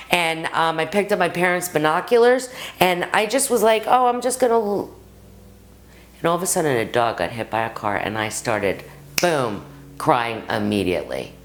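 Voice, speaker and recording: A middle-aged woman acting coach teaching straight to the camera, talking to her viewers as "guys" and acting out stories from her own life. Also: very deep voice. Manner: lively, addresses viewers as "guys", acts out anecdotes. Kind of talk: direct-to-camera acting lesson.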